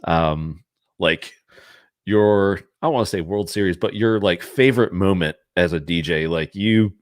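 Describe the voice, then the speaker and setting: A man's voice: low-pitched, measured pace, no echo, studio quality. A man hosting a casual chat, upbeat and hesitant with his questions.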